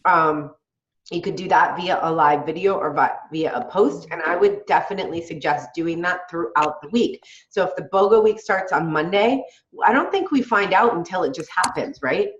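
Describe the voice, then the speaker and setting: Speaking at a moderate pace with a fairly low pitch, the woman sounds reverberant, with the highs cut off. She has a head cold and sounds congested while chattily coaching her team on a group call as its leader. She frequently asks "right?" and laughs between points.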